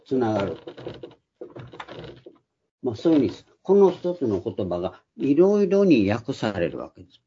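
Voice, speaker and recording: A man's voice: medium pitch, sing-song, normal speed, long pauses, mellow, a little hiss or hum. An older man giving a Bible study lecture, explaining patiently with frequent hesitant fillers, in a dull lo-fi recording. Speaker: Bible teacher.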